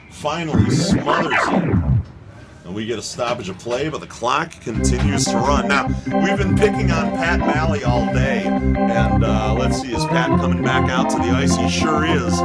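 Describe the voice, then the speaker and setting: A man calling an amateur hockey game from the booth, roasting players with playful jokes. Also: medium pitch. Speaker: play-by-play announcer. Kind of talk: joking amateur hockey commentary. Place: rink booth.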